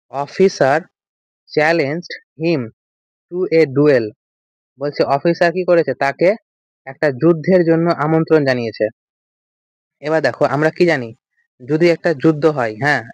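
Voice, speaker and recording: Guy giving a vocab lecture, a bit high pitched, keeps quizzing then answering himself, dead dry room. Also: no echo. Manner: explains step by step, asks and answers his own questions. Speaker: English vocabulary teacher. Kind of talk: recorded lecture.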